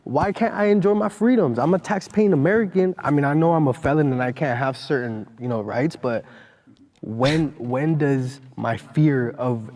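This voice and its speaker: A man pleads his point in a group discussion, his tone frustrated and urgent. His voice is at an ordinary pitch for a man. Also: normal speed, darkish tone.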